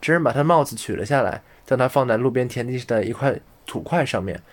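A man's voice: medium pitch, lively intonation, quick pace. Man reading a fairy tale. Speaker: audiobook reader.

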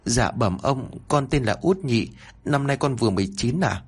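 A man's voice: mid-range voice, animated, normal speed, breathy edge. A man voicing a frightened, pregnant young village woman who pleads tearfully. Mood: pleading.

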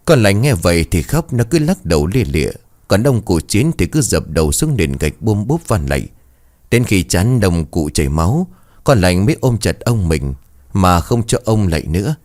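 A man narrating a dramatic story in an expressive, measured way. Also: low-pitched.

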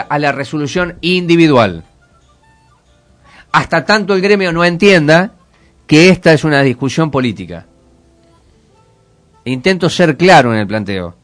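A man's voice: a little high, fairly bright tone. A man with a Rioplatense Argentine accent hosting radio commentary, emphatic, asking rhetorical questions and repeating phrases. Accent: Rioplatense Argentine Spanish. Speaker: radio host.

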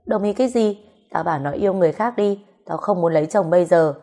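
A woman's voice: lowish voice, fast, mellow. Woman reading as a coarse scolding older woman. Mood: blunt. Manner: rough, scolding, swears freely. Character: coarse, blunt, foul-mouthed grown woman.

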